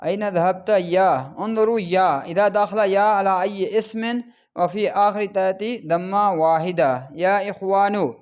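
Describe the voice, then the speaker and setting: A man's voice: high-pitched, moderate pace, smooth. A man teaching Arabic grammar, explaining patiently and repeating each example word several times while speaking straight to the viewers.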